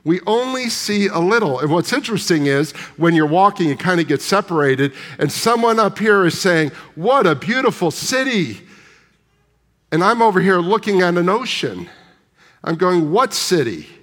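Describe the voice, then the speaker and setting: A man's voice: high voice, animated, moderate pace, a bit bright. A man preaching a sermon, telling a story in a conversational way and putting questions to the congregation. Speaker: pastor. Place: large church sanctuary. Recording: long hall reverb.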